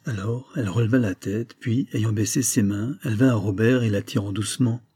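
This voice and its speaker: A man reading a novel aloud as an audiobook, in a measured, dramatic way. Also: fairly low pitch, steady tone, mellow, husky, no echo, clean studio sound. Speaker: audiobook reader.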